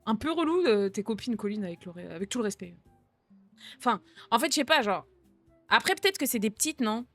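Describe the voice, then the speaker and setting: A woman's voice: fairly high pitch, big pitch swings, fairly quick, fairly bright tone, faint music behind. A young woman, a streamer chatting casually and answering viewer messages with slang, jokes and reassurance.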